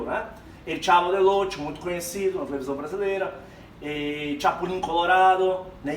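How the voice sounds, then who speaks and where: A Brazilian man teaching a Spanish lesson, explaining terms to his students in an animated, direct way. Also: high-pitched. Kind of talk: classroom lesson mixing Spanish and Portuguese. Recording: echoey room, far from mic, faint background noise.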